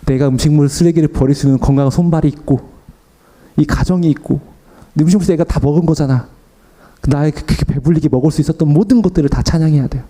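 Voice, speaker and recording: A man's voice: a little high, quick pace. A young man preaching an afternoon sermon, telling a personal story and acting out what people said. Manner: animated, acts out his own and others' lines.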